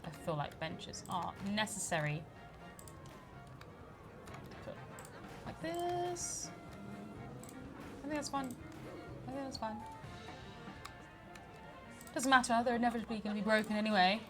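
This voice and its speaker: A woman giving casual let's play commentary as she builds a park, chatty and quick to laugh. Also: medium pitch, lively intonation, over music. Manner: chatty, laughs often, mock-outraged at park guests. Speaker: community manager streaming a game.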